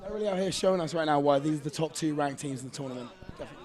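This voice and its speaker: Man, English accent, young adult, high-ish voice, casual sports commentary, outdoors. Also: rapid-fire, a little mellow. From England. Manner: chatty, upbeat, slangy.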